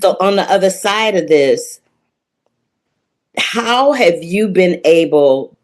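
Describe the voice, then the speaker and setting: A woman hosting a podcast, asking earnest, thoughtful interview questions at a measured pace. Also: fairly low pitch, expressive.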